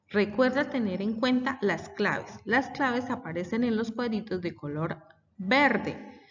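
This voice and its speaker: Far from the mic, a woman teacher with a voice on the high side patiently explains a lesson for children and reads example sentences aloud. The classroom recording sounds dull, with long reverb.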